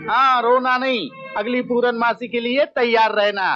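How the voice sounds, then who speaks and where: An actor playing a ruthless, domineering hijra brothel madam who taunts and bosses everyone around. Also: male voice, steady tone, normal speed. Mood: bossy. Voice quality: shrill, taunting, bossy. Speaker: brothel keeper. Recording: muffled film audio with loud music.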